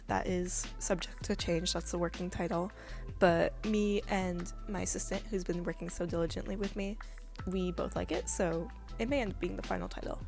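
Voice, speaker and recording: A woman's voice: medium pitch, a little mellow. A woman in a morning voice, chatting casually as she walks through her comic-making process in a vlog. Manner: chatty, rambling, with frequent fillers. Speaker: comic artist and YouTuber.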